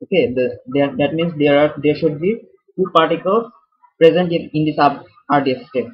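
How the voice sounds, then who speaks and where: A man tutors chemistry in an informal, jokey way, circling back over the same points with frequent fillers and broken-off restarts. His voice sits fairly high and sounds husky. The recording is dull and lo-fi. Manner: repetitive, filler-heavy, halting restarts. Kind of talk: explanatory lesson over a whiteboard.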